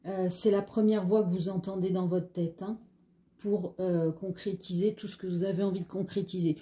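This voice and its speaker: A woman's voice: on the low side, fairly even intonation, normal speed, mellow. A French-accented woman giving a casual tarot reading, hesitant with many fillers and chatty asides, a slight frog in her throat. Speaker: tarot card reader.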